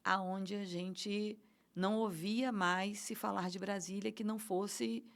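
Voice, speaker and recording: Her voice is mid-range, steady and slow: a middle-aged Brazilian woman, an event producer, talking in Portuguese during a casual interview. She's emotional and passionate, often stumbling on restarts and filler words.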